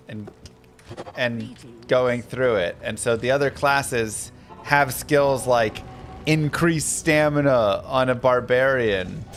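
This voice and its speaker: A man's voice: medium pitch, a bit bright. A man talking casually as a game streamer, rambling along in informal gamer slang. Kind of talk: casual live-stream chat about a video game. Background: music.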